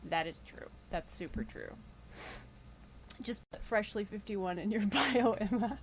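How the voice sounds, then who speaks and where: On a low-quality recording with slight background noise, a woman speaks unhurriedly. In her late twenties, she hosts a casual livestream, going through viewer comments while chatting, joking, and exclaiming playfully in a high voice.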